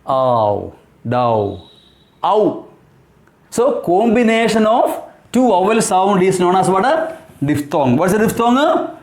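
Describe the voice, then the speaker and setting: A man teaching a class and pronouncing vowel sounds. He repeats words slowly and keeps asking his students questions. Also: high voice, expressive, a little mellow. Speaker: English teacher. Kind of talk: classroom lesson at a blackboard. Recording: roomy echoing classroom.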